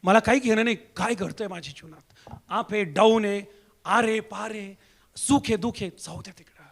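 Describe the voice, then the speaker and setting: A pastor, a man with a strikingly high voice, delivers an impassioned sermon. His calls come in rhythmic repeated phrases, dropping to near hushes and rising to shouts, with a sharp, bright edge to his tone. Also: moderate pace, gravelly. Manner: impassioned preaching, swinging between hushed and shouted lines.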